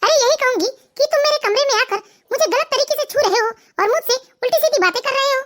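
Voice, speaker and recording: A woman's voice: extremely high pitch, quick pace, a bit bright. A woman voicing a young, wronged daughter-in-law in a cartoon, with a pleading, insistent manner. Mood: defiant. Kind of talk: cartoon voice acting.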